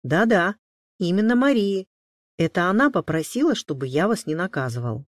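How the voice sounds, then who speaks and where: A man gives a stern grown-up father a firm, questioning tone, close to his own voice. It is a storybook reading with lively intonation and a dry, close sound. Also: high-pitched, normal speed, no room sound, pitched above the performer's own voice. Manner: stern, mock-threatening.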